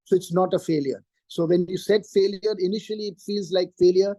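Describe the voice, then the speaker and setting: Older man, interview guest; high, mellow tone, emphatic and repetitive, dry close sound. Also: fairly even intonation, brisk, no room sound. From Pakistan. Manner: emphatic, repeats key phrases. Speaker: interview guest, trainer and career coach. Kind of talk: interview answers.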